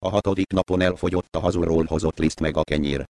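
A man narrating a story in a measured, even reading manner. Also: low voice, no echo. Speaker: audiobook narrator.

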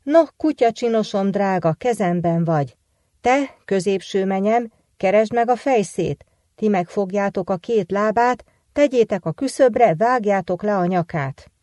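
A woman's voice: medium pitch, warm tone, no room sound, studio quality, lightly acted. A woman voicing a wicked old iron-nosed witch from a folk tale who barks orders at her daughters-in-law. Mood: menacing. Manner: barking orders.

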